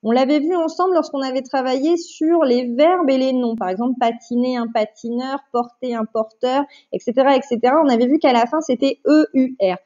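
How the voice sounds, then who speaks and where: A woman's voice: sits high, steady tone, a little fast, hardly any pauses, dark tone. Patient woman teacher giving phonics lesson. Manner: patient, clear, repeats and stresses syllables for dictation. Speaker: primary school teacher. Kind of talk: remote phonics lesson to a child. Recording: dull lo-fi home recording.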